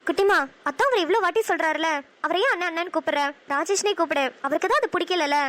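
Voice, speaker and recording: A woman voicing a gentle, lovestruck young elder sister in a cartoon, soft and coaxing, with a Namakkal Tamil accent. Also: extremely high pitch, quick pace. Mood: sweet. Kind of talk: cartoon voice acting.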